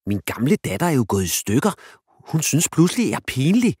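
A man's voice: fairly high pitch, very animated, breathy edge, no echo, studio quality, voice pushed up. A man doing a teasing, clowning dad. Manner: teasing, loud and showy. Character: playful, clowning father.

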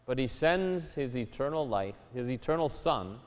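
A man preaching a sermon as a pastor, measured and deliberate, rising in emphasis on key phrases. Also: medium pitch, expressive. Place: church sanctuary. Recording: dull lo-fi church recording with long reverb.

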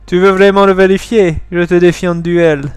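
A man's voice: high-pitched, flat delivery, moderate pace, clean tone, dry recording, close to an everyday voice. A man voicing a mocking male prosecutor who opens his lines with a scornful grunt.

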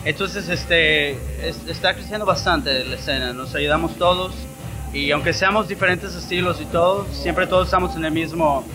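A man's voice: on the high side, moderate pace, rough recording. A young man from Mexico City with a Mexican accent, a singer talking casually with many fillers. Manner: casual, filler-heavy talk. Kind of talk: casual interview answers. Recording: music playing behind.

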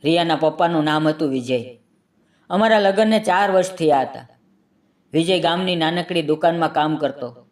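A man narrates a scripted, emotional story in the first person, earnest and dramatic. His voice sits a bit high for a man. It sounds as if he is set back some distance from the microphone. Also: moderate pace.

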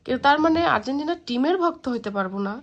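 A hoarse woman, teasing and arguing in a casual home chat. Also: high voice, lively intonation, very fast. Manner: teasing, argumentative banter. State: hoarse from a cold. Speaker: vlogger. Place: home, indoors.

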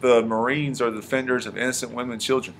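A man's voice: mid-range voice, little pitch movement, quick pace, slight background noise. A man teaching history to a class, questioning the students and echoing their answers. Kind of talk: classroom lesson.

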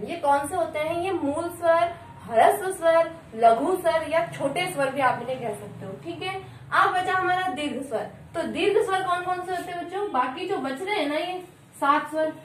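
High-voiced woman teaching in an echoey room. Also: animated, normal speed, a little hiss or hum. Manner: asks questions and answers them, addresses children. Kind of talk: classroom grammar lesson. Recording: echoey room, mic at a distance.

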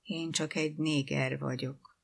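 A frightened servant woman in a storybook reading, who speaks low, quietly and slowly with a sense of dread. A woman reads her lines. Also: fairly even intonation, vocal fry, breathy edge, exaggerated voice. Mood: hushed. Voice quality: low, hushed and slow. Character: frightened grown woman servant, hushed, fatalistic.

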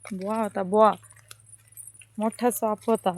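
A woman's voice: mid-range voice, flat delivery, takes it slowly. Woman, casual vlog, outdoors, phone mic, matter-of-fact, faint noise. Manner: chatty, matter-of-fact, talks to her child while walking. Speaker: vlogger, farm mother. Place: outdoors on a farm.

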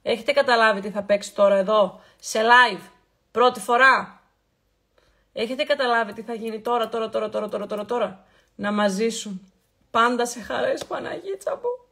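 A chatty woman hosts a live skincare stream in a fairly high voice. She is warm toward her viewers and greets them by name. She plays with repeated words to build up emphasis. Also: fairly even intonation. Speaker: beauty livestream host. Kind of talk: casual live skincare chat.

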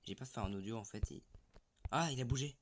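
A young man giving jittery, excitable commentary while playing a horror game, swearing when startled. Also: medium pitch, a little fast, slight background noise. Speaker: gaming YouTuber. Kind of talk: live gameplay commentary.

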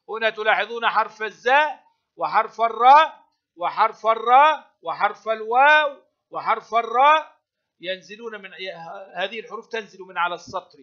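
A male primary school teacher giving a recorded lesson for young children, slowly stretching out and repeating words and praising his pupils. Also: sits high, bright, forceful tone, muffled recording. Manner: slow, drawn-out repetition of words for pupils, frequent praise.

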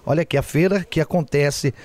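A man's voice: on the high side, brisk, darkish tone, no echo. A man in his forties with a Brazilian Portuguese accent, reporting for local TV news from an indoor bazaar on a handheld mic, chatty and always pointing things out. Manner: chatty, keeps pointing things out with "olha aqui" and "né". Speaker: field reporter. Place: large indoor charity bazaar hall.

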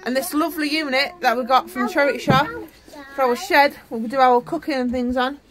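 A woman's voice: high voice, steady tone, fairly quick, a crowd in the background. A middle-aged woman, chatting casually as she films a walking tour of her allotment garden. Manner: chatty, points things out as she walks. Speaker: vlogger. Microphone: handheld phone camera. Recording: loud wind and outdoor noise.

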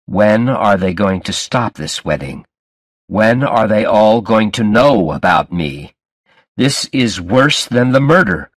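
A man's voice: on the low side, animated, takes it slowly, dry recording, studio quality. A man reading a tense, guilty young groom.

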